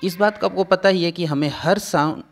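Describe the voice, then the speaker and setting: A man's voice: sits high, fairly quick. A man teaching a phonetics lesson, explaining patiently step by step.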